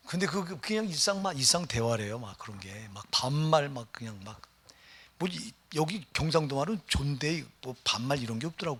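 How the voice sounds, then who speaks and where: A man's voice: medium pitch, fairly bright tone, breathy edge. A middle-aged man, a pastor, preaching a sermon in a conversational way and often putting questions to the congregation. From Gyeonggi Province, Korea.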